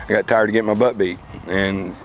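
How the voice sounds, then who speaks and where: A man's voice: on the low side, steady tone, brisk, a little hiss or hum, poor audio. A middle-aged man, chatting casually and reminiscing in a folksy, plain-spoken way. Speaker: competitive car auctioneer being interviewed.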